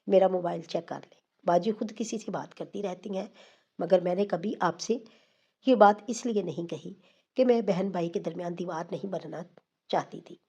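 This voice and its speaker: A woman voicing a distraught young wife who speaks softly and pleads. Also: lowish voice, breathy edge, dull audio. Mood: pleading.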